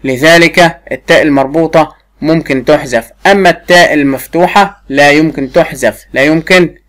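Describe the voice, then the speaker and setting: A woman teacher with an Egyptian Arabic accent, giving a first-grade lesson and drilling a pupil with repeated questions while drawing words out slowly. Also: sits low. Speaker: primary school teacher.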